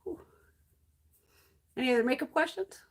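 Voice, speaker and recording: Telling stories during a casual beauty live stream, a middle-aged Connecticut woman swears freely and laughs a lot. Her voice sits high with lively intonation at normal speed, though it's beginning to tire.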